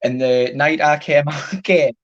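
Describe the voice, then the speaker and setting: A man's voice: fairly high pitch, fairly even intonation, unhurried, a bit bright, highs cut off. A man, a drag queen guest telling stories in a casual chat, swearing a lot and laughing as he talks.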